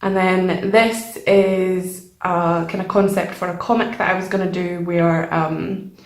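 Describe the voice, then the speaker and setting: A woman's voice: on the low side, flat delivery, unhurried. A young woman chatting casually and a little hesitantly as she hosts a vlog, informal and self-deprecating, recorded in a bare, echoey room. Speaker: channel host showing a sketchbook. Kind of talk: casual chat, vlog voice-over. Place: nearly empty room indoors with only a desk.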